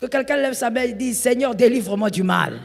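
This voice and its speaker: A woman pastor preaching a sermon, telling a story and acting out its people, moving between hushed and loud. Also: on the high side, a little fast, vocal fry. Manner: acts out the people in her stories, swinging between hushed and loud. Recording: reverberant hall with soft music behind.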